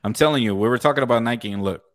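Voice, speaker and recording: A man's voice: medium pitch, rapid-fire, no echo, clean studio sound. A man co-hosting a casual sports talk stream in a laid-back frat-bro way, swearing freely and calling people dude.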